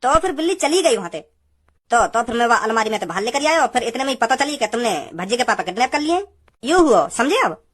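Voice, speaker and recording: A woman's voice: on the high side, big pitch swings, fast talker, breathy edge. A woman voicing a tiny, brash grown man in a cartoon, who tells long boastful stories. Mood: rambling. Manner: boastful rambling storyteller, brash. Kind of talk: cartoon voice acting.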